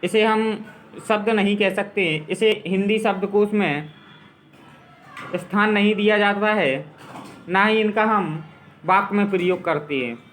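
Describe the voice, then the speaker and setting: High-voiced man teaching a grammar lesson. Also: a bit bright, faint music behind, low-quality recording. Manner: explains slowly with repeated examples.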